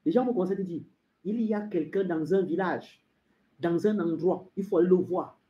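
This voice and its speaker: This is a preacher in full sermon mode, speaking directly to a beloved listener. The voice jumps from loud, high shouting down to quiet, low murmurs. Lines are hammered home through repetition. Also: fairly quick, lo-fi sound. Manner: swings between shouting and hushed low speech.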